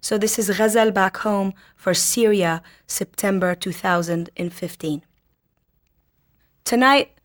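A woman in her thirties from Lebanon, a poet being interviewed and then reading her poem aloud, softly and with some hesitation. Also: mid-range voice. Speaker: poet guest.

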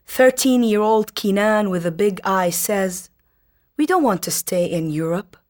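A woman in her thirties, a poet from Lebanon, answers interview questions and reads her work. Her voice sits at a middling pitch and she speaks softly, sometimes hesitating. Her readings are slow and quiet. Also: lively intonation. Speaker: poet guest.

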